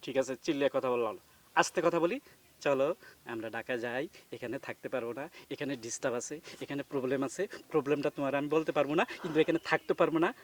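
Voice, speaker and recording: A man's voice: mid-range voice, close to an everyday voice. An actor playing a husband who swings from sweet-talking to bullying his wife, in a comedic TV drama. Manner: blustering, quickly shifting from sweet-talk to bullying.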